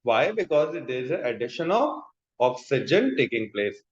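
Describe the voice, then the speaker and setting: A man's voice: mid-range voice, big pitch swings, moderate pace. Pakistani-accented male teacher, echoey room. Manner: instructive, repeats key terms, often checks understanding. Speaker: chemistry teacher. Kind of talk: classroom lecture mixing explanation and questions to students. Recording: dull, echoey room sound.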